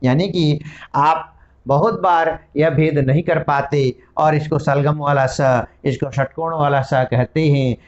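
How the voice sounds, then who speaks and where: A man's voice: fairly high pitch, fairly even intonation, slow, dull audio. A man teaching a Sanskrit grammar lesson, explaining and spelling out each sound one at a time. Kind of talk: classroom-style lesson.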